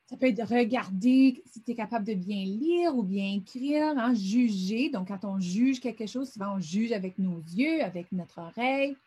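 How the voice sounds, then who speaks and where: A woman's voice: a little high, lively intonation, moderate pace, few pauses, dark tone, breathy edge. A middle-aged woman teaching a vocabulary lesson over a screen, patiently sounding words out syllable by syllable.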